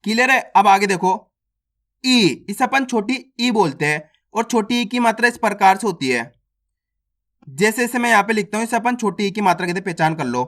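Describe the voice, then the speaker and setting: A man's voice: high-pitched, expressive, a little fast, fairly bright tone. Male teacher, online alphabet lesson. Asks the class questions, answers them himself, stretches out vowel sounds. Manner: checks in with listeners. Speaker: Hindi teacher.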